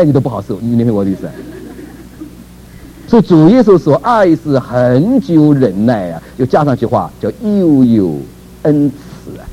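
A man's voice: medium pitch, warm tone, dull audio, a little hiss or hum. A man preaching a sermon in a conversational way, asking rhetorical questions, chuckling and repeating words.

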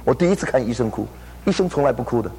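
A man's voice: mid-range voice, animated, very fast, a little mellow, a little hiss or hum. A man preaching a sermon, telling a story animatedly and acting out the people he quotes. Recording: long hall reverb.

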